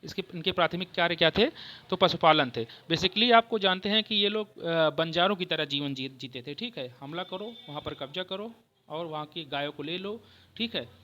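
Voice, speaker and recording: Bright, high-voiced male history teacher. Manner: repeats "ठीक है" often, explains slowly with restarts. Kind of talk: exam-prep history lecture.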